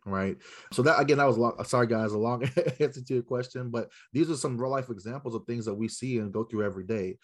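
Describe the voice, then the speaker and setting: A man's voice: medium pitch, fast. An American man, an educator speaking as a podcast guest, tells stories emphatically and puts rhetorical questions straight to his listeners. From South Central Los Angeles, United States. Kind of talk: storytelling interview answer to a live audience.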